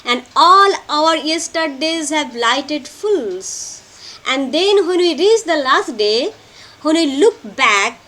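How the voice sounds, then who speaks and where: A woman teaching a play in a lecture, slowly and emphatically, repeating key phrases for notes. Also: high-pitched, bright, forceful tone. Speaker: literature teacher. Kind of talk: lecture explaining a play line by line.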